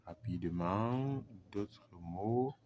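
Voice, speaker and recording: A man teaching English pronunciation who repeats each example word deliberately and addresses the viewer informally. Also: fairly low pitch, darkish tone, dull audio, slight background noise. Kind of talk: pronunciation lesson.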